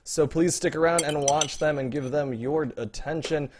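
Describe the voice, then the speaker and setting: A chatty man hosting a livestream, his voice sitting a bit high for a man. He keeps an upbeat, casual tone and laughs often while running a giveaway for his viewers. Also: fairly even intonation, normal speed, background noise. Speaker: stream host. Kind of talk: casual livestream chat, giving away codes.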